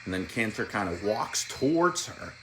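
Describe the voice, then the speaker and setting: A man's voice: fairly low pitch, sing-song, normal speed, a bit bright, slight background noise. A man narrating commentary in a wry, amused tone.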